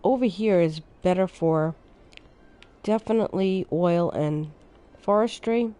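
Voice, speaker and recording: Female game streamer, drowsy and easygoing, dark mellow tone, unhurried delivery. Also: on the low side. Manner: relaxed, thinking aloud, unhurried. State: sleepy, yawning. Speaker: streamer playing a city-building game. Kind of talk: casual gameplay commentary.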